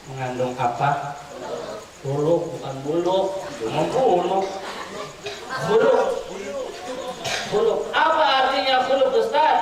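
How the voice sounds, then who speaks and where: A high-pitched male preacher gives a playful sermon in a boarding-school hall and keeps quizzing his listeners. His voice is picked up from far off and rings with a long, booming hall echo. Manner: lively and joking, quizzes the audience. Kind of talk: public sermon to students.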